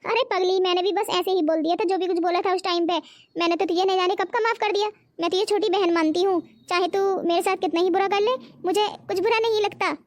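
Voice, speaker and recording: A patient elder sister-in-law in a comic cartoon, voiced by a woman. She speaks soothingly in a very high voice. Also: fairly even intonation, quick pace, no echo. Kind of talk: cartoon voice acting.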